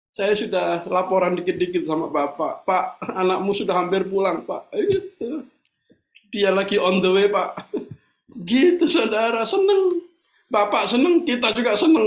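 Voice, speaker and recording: A male pastor preaches in a loose, chatty storytelling way and often turns to address his congregation. His voice sits high for a man. The sound carries an echo from a large hall. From Indonesia. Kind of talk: sermon.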